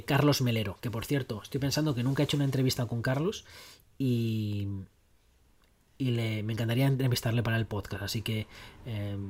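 Chatty rambling man. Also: medium pitch. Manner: chatty, rambling, self-interrupting with asides and acted quotes. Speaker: podcast host. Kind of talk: casual solo podcast talk.

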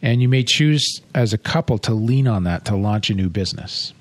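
Male podcast co-host, earnest advice-giver, slightly low voice, dry close sound. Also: animated, moderate pace, no echo. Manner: earnest and advising, often tags on "right?". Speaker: podcast co-host, marriage counselor. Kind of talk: advice-giving casual chat.

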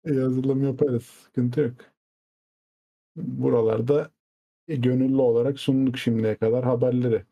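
A man's voice: medium pitch, flat delivery, a little slow, vocal fry, highs cut off. A man co-hosting a casual tech news podcast, talking on speakerphone with the mic moved away from him, easygoing and apologetic. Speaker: co-host presenting tech news. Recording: distant speakerphone sound with echo.

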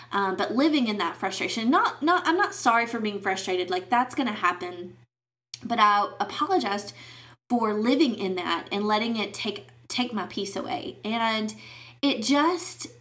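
A woman's voice: mid-range voice, fairly bright tone. A woman hosting a faith podcast, talking in a candid, rambling way with many fillers and restarts. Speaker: podcast host. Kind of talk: casual faith podcast monologue.

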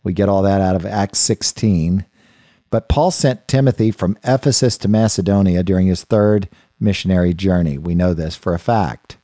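A man leads a Bible study lesson, thinking aloud as he goes and often circling back to restart a phrase. His voice sits a little low and has a mellow, dark tone. The recording is dry and close, with no room sound around him. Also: normal speed, dry recording. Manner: thoughtful, with frequent restarts and asides to the listener. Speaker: Bible teacher. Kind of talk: unscripted Bible study lecture.

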